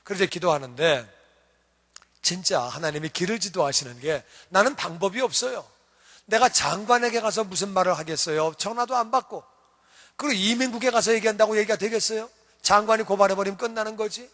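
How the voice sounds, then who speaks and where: A male pastor preaching a sermon in a church, telling a story in a lively way with acted quotes. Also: high voice, brisk, long reverb tail.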